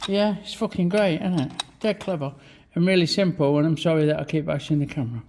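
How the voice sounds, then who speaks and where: A man's voice: fairly high pitch, brisk. A British man giving a casual hands-on workshop demonstration, swearing freely and talking matily through each step in short bursts. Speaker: vlog host, hobby machinist. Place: small home workshop beside a milling machine. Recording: loud machine and engine noise, clicking. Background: milling machine running, clicks.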